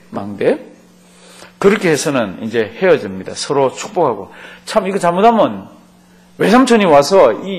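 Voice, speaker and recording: A male pastor giving a Bible study lecture in a church class, acting out quotes and quizzing his students. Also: on the high side. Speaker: pastor teaching a Bible course.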